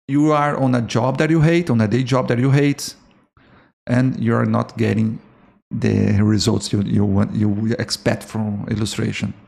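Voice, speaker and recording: Hosting a podcast alone, this man addresses fellow artists with a Brazilian Portuguese accent and a mid-pitched, gravelly voice that has some vocal fry and a darkish tone. He's earnest, and since English isn't his first language, he often restarts or repeats words and checks in with "okay?".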